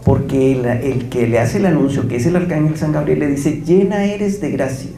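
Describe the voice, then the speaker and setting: Gravelly dark-voiced man lecturing. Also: mid-range voice, a little fast, roomy sound, low-quality recording. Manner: storytelling with quoted dialogue. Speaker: guest speaker. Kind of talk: religious lecture.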